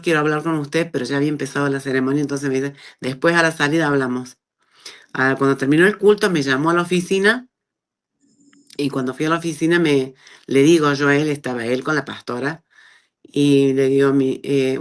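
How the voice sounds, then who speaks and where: A middle-aged woman with an Argentine accent, telling her personal testimony in a conversational way and acting out the dialogue she quotes. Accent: Argentine Spanish. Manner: animated storyteller who acts out quoted dialogue with big pitch jumps. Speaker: guest giving a testimony.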